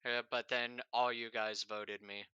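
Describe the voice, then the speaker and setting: A man's voice: mid-range voice, flat delivery, unhurried, sharp tone, smooth, dry recording, highs cut off. A man chatting with friends during an online game, in a wry, self-deprecating way. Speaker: player in a group gaming session. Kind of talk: casual gaming chat.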